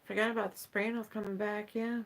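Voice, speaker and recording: A woman's voice: mid-range voice, little pitch movement, fast talker, a little hiss or hum. A woman joining a casual live stream with short interjections, speaking from away from the main microphone. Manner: brief interjections from off-mic. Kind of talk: casual chat off to the side.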